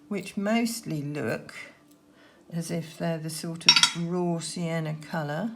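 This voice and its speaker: A woman giving gentle, unhurried painting instruction, talking through her work as she goes, with trailing pauses. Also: low-pitched, vocal fry, loud music behind the voice. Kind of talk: unscripted painting demonstration, talking while working.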